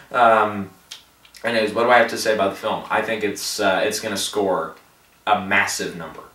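A tired man with a fairly low voice chats loosely and rambles, stumbling over his words and laughing at himself. He sits some way back from the mic in an echoey room. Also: steady tone, normal speed, pushed and bright. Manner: chatty, self-deprecating, laughs at himself, many fillers. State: tired, late at night. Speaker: box office prediction vlogger. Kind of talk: casual rambling commentary. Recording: roomy echo, distant from the mic.

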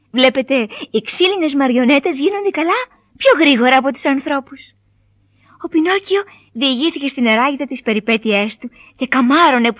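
A woman narrating a children's fairy tale in an expressive storytelling manner. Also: high-pitched, no room sound, clean studio sound.

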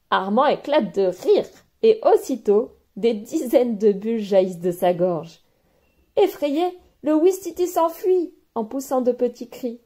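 A woman reading a children's storybook aloud in a soft, expressive bedtime manner. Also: fairly high pitch.

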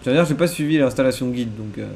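A man's voice: medium pitch, darkish tone, a little hiss or hum. A man live coding and thinking aloud, muttering to himself in a casual, self-deprecating way. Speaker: coding streamer. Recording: faint keyboard typing behind.

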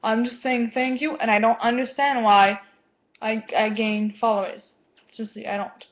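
A teenage girl rambles to her camera at home, drifting off topic and filling her talk with "like". Her voice sits a little high. The sound is dull and lo-fi, like a cheap webcam mic. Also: level tone, moderate pace. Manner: rambling, easily distracted, lots of "like". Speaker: vlogger. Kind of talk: casual chat to camera. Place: home, indoors.

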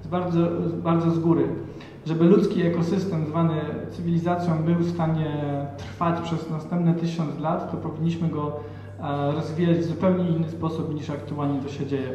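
A man's voice: a little high, flat delivery, moderate pace, warm tone. Thirties male speaker from Poland, hesitant, heard from a distance through a dull, long-reverb hall. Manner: hesitant, many fillers and restarts. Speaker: panel speaker. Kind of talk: reflective talk at an event. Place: large hall with audience. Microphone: handheld mic.

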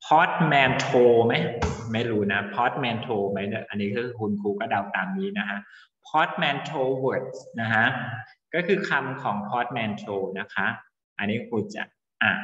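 A man's voice: lowish voice, sharp tone. Man teaching an English class, echoey. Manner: explains in Thai, mixing in English terms and calling on students. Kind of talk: online class lesson. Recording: dull, echoey room with long reverb.

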